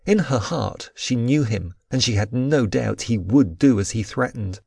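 A man narrating an audiobook, with expressive storytelling. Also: medium pitch, a little slow, vocal fry, husky, no echo, studio quality. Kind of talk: scripted narration.

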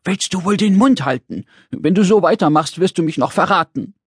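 A shrill, excitable tiny pink creature. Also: male voice, normal speed, breathy edge, no echo, studio quality. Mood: bossy. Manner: chattering nonstop, whiny and fussy. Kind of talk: children's audiobook character voice.

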